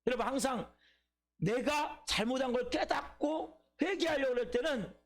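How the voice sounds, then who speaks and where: A man's voice: very high-pitched, moderate pace. A male pastor preaching a sermon, asking his congregation questions and acting out people's inner thoughts. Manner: asks the congregation questions, acts out inner voices. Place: church.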